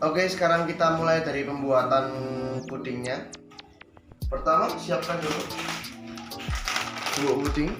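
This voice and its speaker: Teen guy w doing a school demo vid, halting, echoey room, music playing. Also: fairly high pitch. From Indonesia. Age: teens. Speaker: high school student presenter. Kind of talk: informal video demonstration.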